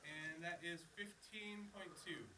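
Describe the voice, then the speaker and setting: A man's voice: a little high, a little slow, bright, forceful tone. A man talking casually and muttering measurements as he surveys inside a cave, with an informal manner. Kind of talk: casual chat while surveying. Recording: clear background noise and clicks.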